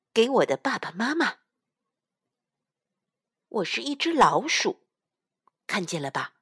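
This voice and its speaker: A woman reading a children's picture book aloud in the first person as a little mouse, slow, gentle and expressive, recorded close up. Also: mid-range voice, slightly rough, dry recording. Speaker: storyteller mother.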